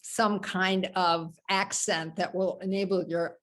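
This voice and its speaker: An older American woman, a rabbi from the United States, leads an informal Torah study over a video call, meandering loosely with many ums and asides. Her voice is on the low side, slow and level, with a fairly bright tone.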